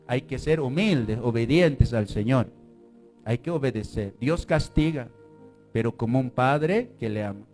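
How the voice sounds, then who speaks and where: A male pastor preaching a fervent sermon, breaking into shouts and calling on the congregation to repeat words after him. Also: medium pitch, lively intonation, unhurried, faint music behind.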